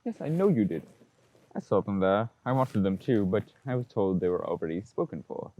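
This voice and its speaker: A man's voice: fairly low pitch, lively intonation, fairly quick, warm tone, no room sound, highs cut off. A man playing a stern, touchy Edwardian clergyman and father in an amateur period drama, pompous and formal. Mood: stiffly polite.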